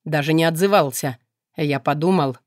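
A woman voicing a menacing, brooding male demon in a low, quiet, restrained growl. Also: moderate pace, no echo, clean studio sound, close to an everyday voice. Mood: angry.

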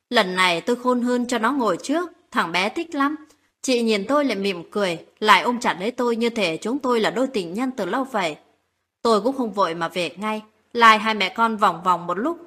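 A woman narrating a late-night romantic story in a calm, steady reading voice. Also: medium pitch, normal speed, slightly rough.

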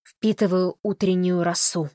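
Female narrator doing a vain, theatrical eccentric man for an audiobook, lifted pitch. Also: big pitch swings, slow pace, a bit bright, no echo, clean studio sound, exaggerated voice. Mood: grandiose. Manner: solemn, grandiose, then shrill and agitated. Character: pompous eccentric man in silk robe.

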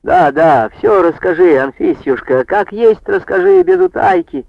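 A man's voice: sits high, wildly swooping pitch, measured pace, vocal fry, no echo, voice pushed up, full character voice. A man voicing an anxious village woman who pleads and frets. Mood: pleading. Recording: dull dry lo-fi recording.

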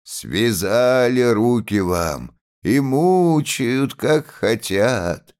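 A defiant, beaten peasant, voiced by a male reader from an audiobook tale, preaching to the crowd with a full, tight, ringing voice. He speaks slowly and solemnly, the pitch swinging widely. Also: very animated, a little mellow, clean tone. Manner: slow, solemn, declaiming to the crowd.

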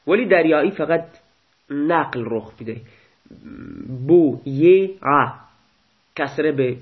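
Man teaching grammar slowly, lo-fi audio. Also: a little high. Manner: explains step by step, repeats verb forms slowly. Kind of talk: recorded Arabic grammar lesson.

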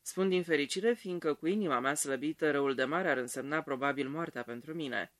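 A man's voice: no room sound, studio quality, natural voice. A man voicing a self-absorbed middle-aged wife who talks shrilly and affectedly about her health. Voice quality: shrill, sharp.

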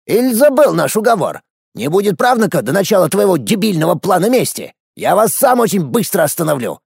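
Man doing a cranky old grandfather mage, high gravelly voice, husky, mocking scolding drawl, audiobook character. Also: very animated, a little fast, no room sound, clean studio sound, full character voice. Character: grumpy sharp-tongued old grandfather mage.

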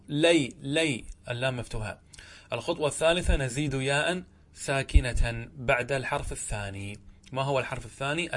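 Deliberate male Arabic grammar teacher. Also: mid-range voice, a bit bright. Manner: slow and deliberate, repeats and stretches out example words, asks the class questions. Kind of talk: classroom lesson explaining a text.

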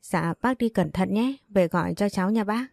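A woman voicing a polite, gentle young pregnant wife in a read-aloud storybook. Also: mid-range voice, moderate pace, vocal fry, dry recording, clean studio sound, lightly acted. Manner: polite, soft-spoken.

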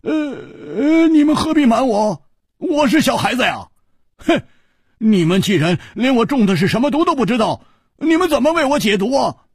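A brash, hearty swordsman shouting and laughing in a high, strained voice, as a male storyteller puts him on. The voice is husky and swoops widely, and the reading is dry and close. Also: sing-song, moderate pace, dry recording, heavily acted. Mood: boisterous. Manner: loud, laughing, high-strung. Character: boisterous poisoned swordsman, hearty and reckless.

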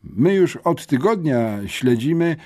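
A quick-witted, eager teenage boy, as a man puts him on in an audiobook. His voice sits high and bounces lively, with a soft husky grain. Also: heavily acted. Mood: earnest. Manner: eager, clever, a little flustered. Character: sharp, confident teenage boy, school chronicler in a wheelchair. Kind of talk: audiobook character voice.

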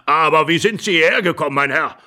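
A man voicing a fussy, excitable old husband who blusters hoarsely and shouts in agitation. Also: a little high, fast, voice pushed up. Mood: angry shouting.

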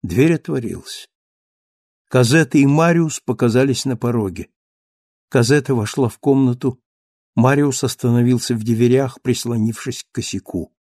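A man narrating a classic novel as an audiobook with steady, measured delivery. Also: medium pitch, no echo, clean studio sound.

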